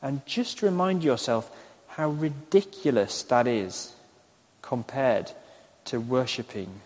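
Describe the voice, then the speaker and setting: A man preaching a sermon in a slow, deliberate way, with emphatic pauses. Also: medium pitch, darkish tone. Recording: long hall reverb.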